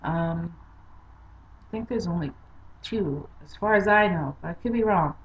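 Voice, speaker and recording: A woman's voice: on the low side, measured pace, lo-fi sound. A woman from Saskatchewan chatting casually to her channel as a vlogger, upbeat and rambling with fillers. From Saskatchewan, Canada. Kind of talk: casual chat to camera.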